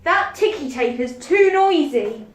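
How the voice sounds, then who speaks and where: High, lively female vlogger, echoey. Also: a little slow. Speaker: vlogger touring lifts. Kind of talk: casual running commentary. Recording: echoey lift with faint noise.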